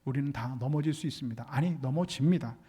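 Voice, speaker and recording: A man preaching a sermon as pastor in a church, emphatic and animated, acting out the voices he quotes. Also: medium pitch, fast, breathy edge. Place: church sanctuary.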